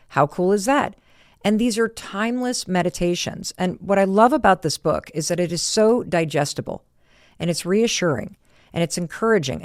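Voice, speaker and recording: A woman's voice: fairly low pitch, no room sound, studio quality. A woman hosting a podcast in casual, earnest, heartfelt talk. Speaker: podcast host.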